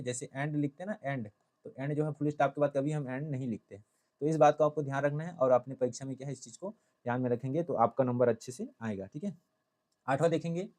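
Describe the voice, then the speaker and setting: Man, Hindi teacher, mid-pitched, explanatory, checks in often. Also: a little mellow. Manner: explanatory, repeats "theek hai" often. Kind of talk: classroom-style lesson.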